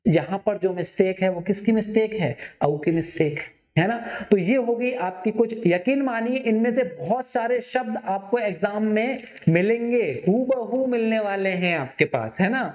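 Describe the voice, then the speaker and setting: A man teaching a Hindi spelling class, asking his students questions and repeating words slowly. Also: sits high, animated, a little mellow. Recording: dull, echoey classroom recording.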